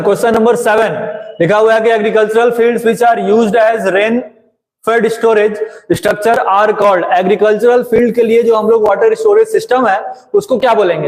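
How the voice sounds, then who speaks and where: High-voiced male teacher in echoey room. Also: a little mellow. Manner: asks and answers his own questions; urges viewers to comment. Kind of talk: exam question walkthrough. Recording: echoey room with long reverb.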